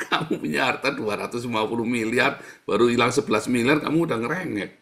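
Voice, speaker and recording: A male pastor preaching in a colloquial, teasing manner, jumping between loud bursts and hushed asides. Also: mid-range voice, moderate pace, vocal fry. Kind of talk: sermon.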